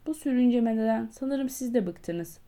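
A woman voicing a dull, weary male doctor in an audiobook, with a low, drawling and bored delivery. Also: lively intonation, measured pace, warm tone. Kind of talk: audiobook character voice.

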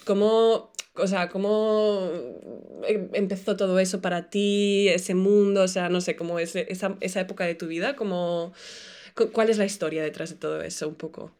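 A woman hosts a podcast in a smooth, clear voice of middling pitch. She chats with enthusiasm, uses casual slang, and asks long, meandering questions. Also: fairly even intonation, moderate pace, darkish tone. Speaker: podcast host. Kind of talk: casual interview chat.

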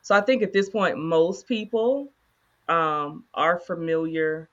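A woman co-host in casual conversation, candidly telling a personal story with animated asides. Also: fairly low pitch, slow pace, muffled recording. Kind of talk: casual chat.

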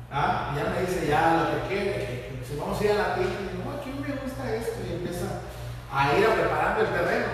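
A man's voice: sits high, fairly bright tone, slight background noise. A man preaching an impassioned sermon, quoting scripture and prayers. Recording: echoey hall, voice from far off, faint ambience.

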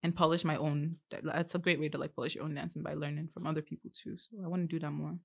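A woman's voice: sits low, little pitch movement, fast talker, creaky, breathy edge. A young woman, a podcast guest, chatting casually with lots of fillers and frequent laughs. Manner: laughs often, many "like" fillers. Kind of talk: casual chat.

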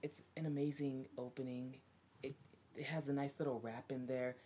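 A man doing a nervous, nerdy young guy's voice, halting and full of ums. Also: mid-range voice, flat delivery, dark tone, a little hiss or hum, pitched above the performer's own voice, close to an everyday voice. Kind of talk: casual chat.

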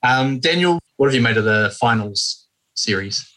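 A man's voice: medium pitch, expressive, moderate pace, sharp tone, rough recording. New Zealand man hosting, Maori-influenced accent. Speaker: podcast host. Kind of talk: casual sports podcast chat.

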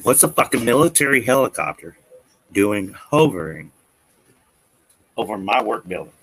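A man's voice: fairly low pitch, very animated, moderate pace, a bit bright, breathy edge, no echo, rough recording. A man telling a story to his viewers in an agitated, defiant rant, swearing often.

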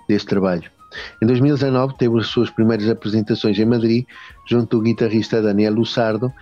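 A man interviewing a singer, first reading her biography in a halting way with restarts and filler sounds. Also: lowish voice, mellow. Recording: muffled lo-fi audio with faint music.

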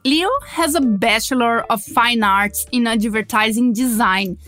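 Podcast host: woman, higher voice, formal introductions and short affirmations, faint music bed. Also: measured pace. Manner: warm introductions, brief affirmations. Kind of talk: podcast interview.

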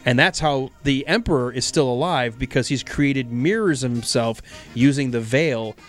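A man's voice: medium pitch, normal speed, soft background music. A man co-hosting a casual entertainment news chat, explaining things in a storytelling way. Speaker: show co-host.

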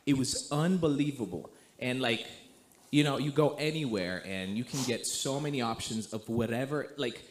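A young man from Romania, a guest missionary, telling a story in a relaxed way, full of "like" and "you know". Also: medium pitch, moderate pace, a little hiss or hum. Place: church sanctuary.

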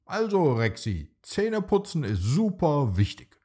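Little storybook dino boy, high and bouncy, husky edge, put on by a male narrator. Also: measured pace, heavily acted. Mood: cheerful. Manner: excited, pleading childlike voice. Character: small eager boy dinosaur.

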